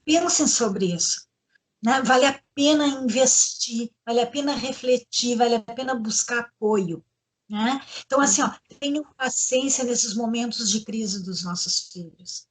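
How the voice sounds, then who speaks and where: High-voiced earnest woman. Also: measured pace. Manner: earnest, instructive, addresses the audience directly. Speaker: host, educational psychologist. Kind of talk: panel discussion on parenting.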